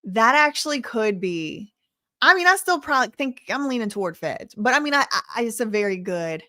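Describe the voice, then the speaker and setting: Sing-song and fairly quick, her slightly high voice comes across bright and forceful while she banters sassily with live stream viewers, reading and answering their messages. She's an American from Louisiana, and there's no echo.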